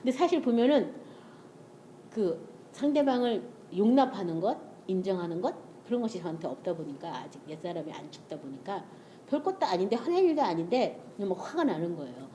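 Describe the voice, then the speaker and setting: A woman's voice: medium pitch, a little fast, slight background noise. Laughing woman telling a church testimony. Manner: animated storytelling, acting out family dialogue, frequent laughter. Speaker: church speaker sharing testimony. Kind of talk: testimony-style sermon talk.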